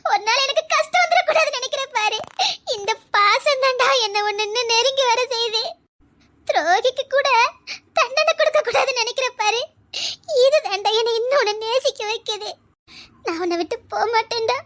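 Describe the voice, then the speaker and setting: Woman playing a stubborn, devoted young lover, very high and bright. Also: a little fast. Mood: tender. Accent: Tirunelveli Tamil. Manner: tearful pleading turning to playful teasing. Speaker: lead character in a comedy skit. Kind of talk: melodramatic skit acting.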